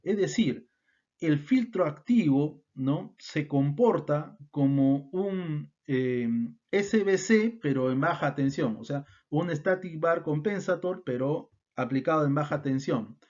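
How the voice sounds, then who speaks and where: A man's voice: on the high side, animated, slow, darkish tone. A man giving a technical lecture, explaining step by step and often tagging his sentences with questions and fillers. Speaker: instructor. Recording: dull lo-fi sound.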